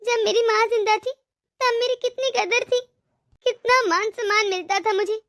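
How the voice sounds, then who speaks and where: A woman's voice: extremely high pitch, steady tone, moderate pace, no room sound, studio quality. A woman voicing a humble village woman who feels unwanted by her relatives. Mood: sad. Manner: soft, self-effacing.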